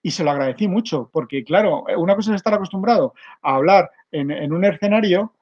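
A middle-aged man with a Spanish accent, giving an energetic online conference talk straight to his audience over a webcam. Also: high-pitched, fast, highs cut off. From Spain. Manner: energetic, direct, addresses audience as "mirad". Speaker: conference speaker.

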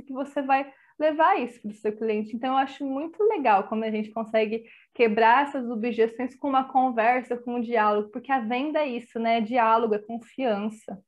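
A woman's voice: a little high, lo-fi sound. A Brazilian woman co-hosting a podcast, chatty with many fillers and repeated words. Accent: Brazilian Portuguese. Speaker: podcast co-host. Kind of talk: casual podcast chat.

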